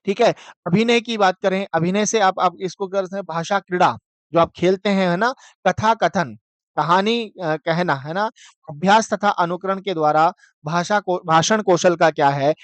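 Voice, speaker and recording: High, clear-voiced male teacher. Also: no room sound. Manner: chants verses slowly, asks and answers own questions. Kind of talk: exam-prep lecture.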